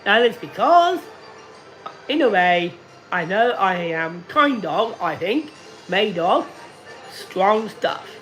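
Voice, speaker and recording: A man in his late thirties talking slowly and deliberately to viewers on a casual live stream, repeating himself often. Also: high-pitched, big pitch swings, fairly bright tone, soft background music. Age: 30s. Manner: slow, deliberate and repetitive. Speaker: livestreamer.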